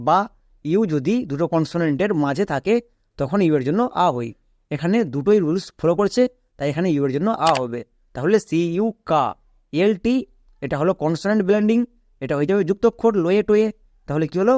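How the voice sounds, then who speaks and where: A man's voice: on the high side, a little mellow, no echo, studio quality. Man teaching English spelling rules. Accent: Bengali. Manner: asks and answers his own questions, repeats key words. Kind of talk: step-by-step classroom explanation.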